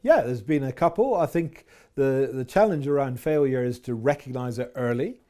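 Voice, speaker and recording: A man in his fifties with a Scottish accent, talking with a relaxed, warm tone. He answers a business interviewer in a measured, reflective way, often pausing on fillers. He is recorded on a lapel mic in an office. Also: medium pitch. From Scotland. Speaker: company chief executive, interview guest. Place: office with window blinds.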